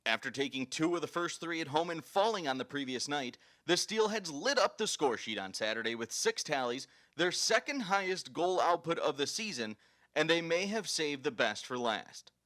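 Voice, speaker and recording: A man hosting a hockey highlight show with scripted sports narration. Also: big pitch swings, moderate pace, bright, forceful tone.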